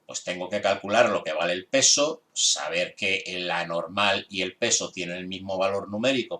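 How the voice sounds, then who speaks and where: A physics teacher with a low, pushed, bright voice walks his students through an exam solution one step at a time. He sounds exasperated about their grades.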